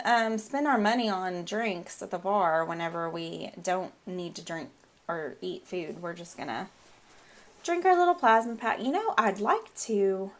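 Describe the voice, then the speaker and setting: This gameplay host is a woman in her thirties with a Southern US accent and a mid-range voice, talking easily as she plays. Her voice is slightly off from a head cold that hasn't cleared, and giggles keep slipping out.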